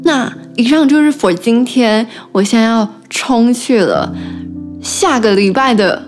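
A woman's voice: a little high, a little slow, soft background music. A woman from Taiwan with a Taiwanese Mandarin accent tells stories casually as a podcast host, her articulation slightly impeded by braces. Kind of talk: casual solo storytelling chat.

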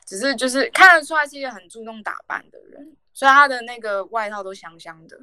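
Bright young woman telling a story. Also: a little high, expressive, quick pace, smooth, dry recording. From Taiwan. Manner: rambling, many fillers and restarts. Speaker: podcast co-host. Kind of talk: casual storytelling chat.

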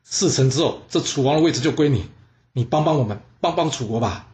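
A man's voice: medium pitch, animated, brisk, darkish tone, close to an everyday voice. A man voicing a pair of exiled princes who speak together, wary and pleading.

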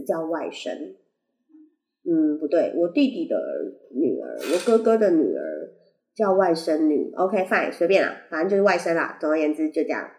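A woman's voice: fairly low pitch, mellow. Chatty Taiwanese woman podcaster with braces, echoey room. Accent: Taiwanese Mandarin. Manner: rambling, self-correcting, playful. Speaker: podcast host. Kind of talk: casual chatty solo podcast. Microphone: compact condenser microphone plugged into a phone. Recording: roomy, echoey sound on a compact microphone.

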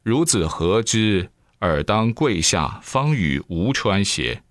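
A man doing a slow, stern old hermit sage. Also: fairly low pitch, big pitch swings, dry recording, clean studio sound, exaggerated voice. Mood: commanding. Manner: slow, drawn-out, archaic scolding.

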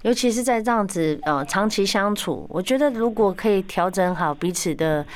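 A woman with a Taiwanese Mandarin accent hosting a podcast, chatty and quick to agree with her guest. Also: mid-range voice, expressive. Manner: chatty, warm agreeing with many short backchannels. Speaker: podcast host. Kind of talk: casual podcast interview.

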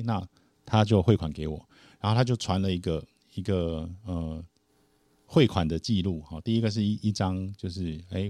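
Low-voiced man telling a story. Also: no echo, clean studio sound. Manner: animated, acts out quoted voices. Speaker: podcast guest telling a story. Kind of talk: casual storytelling.

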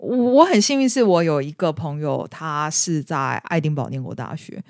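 A woman's voice: low-pitched, lively intonation, normal speed, darkish tone, no room sound, studio quality. A young woman in her twenties, a podcast co-host, telling a story casually and acting out quoted lines in raised voices.

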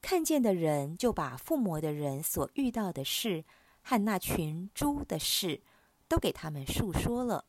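A woman hosting a prayer program, reading scripture in a measured, solemn way. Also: fairly low pitch, sing-song, darkish tone, no room sound.

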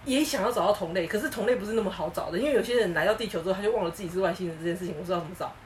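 Fast-talking woman telling stories casually. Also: mid-range voice, far from the mic, a little hiss or hum, low-quality recording. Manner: animated storytelling, acting out quoted lines. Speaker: podcast co-host. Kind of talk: casual chat.

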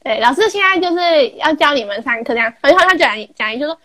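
Thirties woman, art teacher, high voice, laughs through her digressions. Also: animated, quick pace, bright, forceful tone. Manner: giggly, rambling into digressions. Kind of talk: casual chat.

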